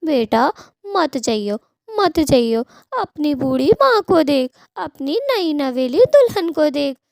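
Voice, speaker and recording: A woman's voice: sits high, big pitch swings, slow, vocal fry, a little mellow, no echo, clean studio sound, full character voice. A woman voicing a worried old mother in a cartoon story who pleads and fusses over her son. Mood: pleading. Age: older. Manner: pleading, fussing and complaining.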